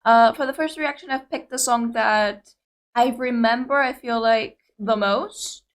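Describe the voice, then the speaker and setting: This reaction video host is a young Cypriot woman whose first language is Greek and who has a Greek Cypriot accent. Her voice is a little high, and she speaks a little slowly. Talking to her viewers, she's chatty and wandering, with frequent hesitations and fillers.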